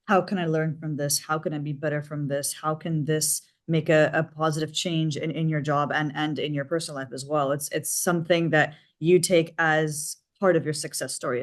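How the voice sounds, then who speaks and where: A woman hosts a podcast and talks quickly in a lowish voice. She keeps her tone upbeat and effusive as she praises her guest and asks questions. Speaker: podcast host. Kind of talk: podcast interview.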